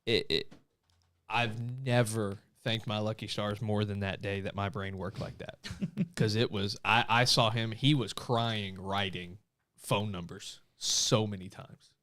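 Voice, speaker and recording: A man's voice: fairly low pitch, steady tone, unhurried, fairly bright tone. A man co-hosting a casual talk show, telling a family story and laughing often as he acts out the quotes. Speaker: podcast co-host.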